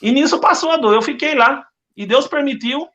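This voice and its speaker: A man's voice: extremely high pitch, moderate pace, bright, forceful tone. A man with a Brazilian Portuguese accent giving an earnest religious testimony as a podcast guest, telling his story with lots of repetition.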